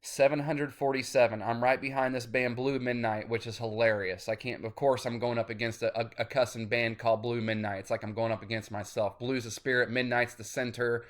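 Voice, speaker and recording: A man's voice: medium pitch, level tone, a little fast, hardly any pauses. Rambling, cursing man in his thirties. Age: 30s. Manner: rambling, cursing, grows loud and insistent. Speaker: independent musician. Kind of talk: direct-to-camera vlog rant.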